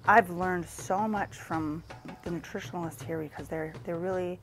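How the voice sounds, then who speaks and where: A woman's voice: on the low side, fairly even intonation, moderate pace. A woman patient speaking enthusiastically about her clinic in a documentary interview. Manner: warm, enthusiastic praise.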